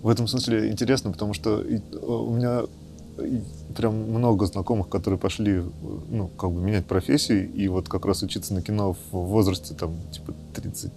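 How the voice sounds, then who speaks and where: A man's voice: lowish voice, level tone, brisk, creaky, mellow, soft background music. A man hosting a casual podcast conversation, rambling and hesitant with many fillers.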